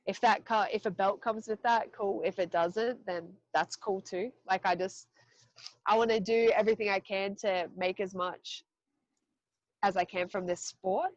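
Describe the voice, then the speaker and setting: A woman's voice: mid-range voice, steady tone, normal speed, no echo, lo-fi sound. Candid, casual woman in her thirties. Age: 30s. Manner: candid, frequent swearing and laughing asides. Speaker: podcast guest, fighter. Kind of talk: casual interview chat.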